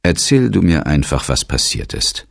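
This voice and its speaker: A man's voice: a bass voice, big pitch swings, moderate pace, creaky, dry recording, clean studio sound, exaggerated voice. A man doing a commanding upper-class mother. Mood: probing. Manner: commanding, probing.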